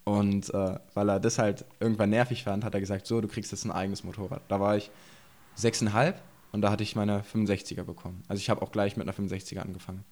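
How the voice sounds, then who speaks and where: A man's voice: lowish voice, flat delivery, fast talker, darkish tone. A man in his twenties from eastern Germany, a podcast guest chatting casually, rambling, laughing often and using slang. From Saxony-Anhalt, Germany. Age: 20s. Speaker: podcast guest, enduro rider. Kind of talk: casual chat.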